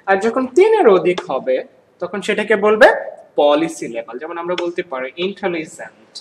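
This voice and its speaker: A man from Bangladesh teaching an English grammar lesson in Bengali. He repeats words slowly and asks the class questions as he goes. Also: high voice, sing-song, slight background noise, low-quality recording.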